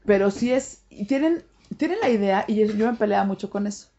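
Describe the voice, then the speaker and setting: A young adult woman with a Mexican accent, talking casually as a co-host, animated and quick to laugh. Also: medium pitch, lo-fi sound. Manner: animated, laughs often, acts out quoted reactions. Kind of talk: casual chat.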